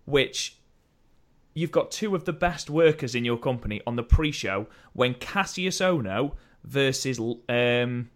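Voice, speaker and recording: A man co-hosting a podcast, chatting casually about wrestling in an animated, opinionated way that slides into rants. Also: medium pitch, measured pace. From United Kingdom. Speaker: podcast co-host.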